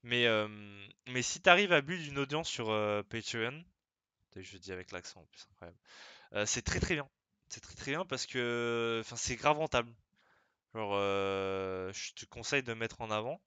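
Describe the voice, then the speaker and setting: A man's voice: mid-range voice, expressive, normal speed, sharp tone, clear, resonant tone, dry recording. A young man streaming live, chatting casually in a rambling, slangy way that keeps interrupting itself.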